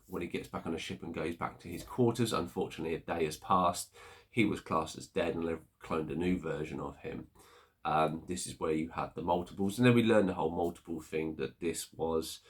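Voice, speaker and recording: Very deep-voiced man reviewing a film. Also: a bit bright. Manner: unhurried, thinking aloud with many filler pauses. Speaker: movie reviewer. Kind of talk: casual spoken movie review.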